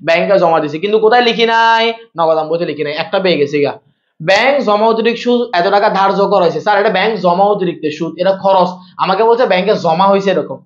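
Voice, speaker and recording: Rapid-fire high-voiced male teacher. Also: highs cut off. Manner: rapid-fire, repeats himself and quizzes students. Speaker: accounting teacher. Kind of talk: live online class.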